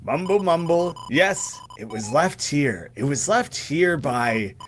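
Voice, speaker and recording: A man's voice: on the high side, big pitch swings, takes it slowly, a bit bright, faint music behind, heavily acted. A man voicing a cryptic old male book wizard in a game, who mutters "mumble, mumble" between riddling remarks.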